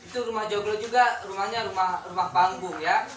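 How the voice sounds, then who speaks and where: This schoolteacher speaks briskly in a mid-range voice with fairly even intonation, a crowd audible behind her. Recorded from a distance in a roomy classroom, she rapidly quizzes her pupils and repeats key words.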